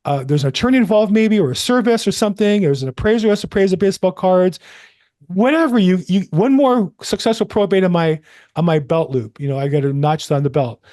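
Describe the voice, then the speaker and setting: A man with a fairly high voice coaches real estate agents on a group video call. He talks in an animated, encouraging way, dropping in self-deprecating jokes. The sound is that of a call microphone. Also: fast talker. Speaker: probate coach hosting a live call.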